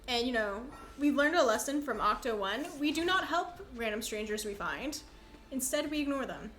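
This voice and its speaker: A woman's voice: on the high side, expressive, moderate pace, fairly bright tone, slight background noise. A young woman from Canada giving casual, rambling live commentary on her video game speedrun, chatty and self-deprecating. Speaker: speedrunner streamer. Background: faint game music.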